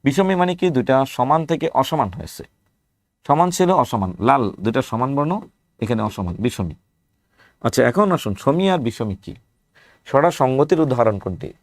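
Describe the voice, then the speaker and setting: A man's voice: mid-range voice, sing-song, moderate pace, no echo. A man with a Bangladeshi Bengali accent teaching an exam-prep lecture. He works through lists of past questions and asks rhetorical questions as he goes.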